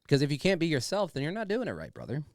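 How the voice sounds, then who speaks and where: Man, podcast host, animated intonation, casual, enthusiastic, dry recording. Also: a little high, rapid-fire, no echo. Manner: informal, enthusiastic, sweary. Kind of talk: casual chatty show introduction.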